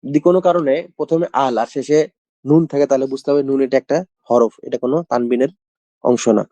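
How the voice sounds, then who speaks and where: A man gives an Arabic grammar lesson in a mellow, relaxed voice. He repeats each point and puts questions to his students. His voice sounds dry and close, with no room sound. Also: medium pitch, quick pace, no room sound, muffled recording. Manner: repeats key phrases, asks the class questions. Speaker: Arabic teacher. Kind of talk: classroom lesson.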